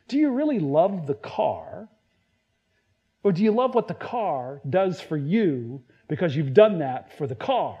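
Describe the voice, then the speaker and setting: A man preaching a sermon in a conversational way, stumbling and restarting, now and then acting out Bible quotes loudly. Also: a little high, dull audio. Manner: conversational, self-deprecating preaching with many restarts. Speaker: pastor.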